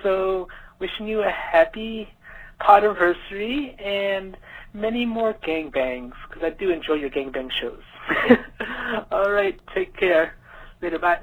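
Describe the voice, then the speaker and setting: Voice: mid-range voice, expressive, slow. Caller on a tinny phone voicemail. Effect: played-back phone voicemail. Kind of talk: casual congratulatory voicemail.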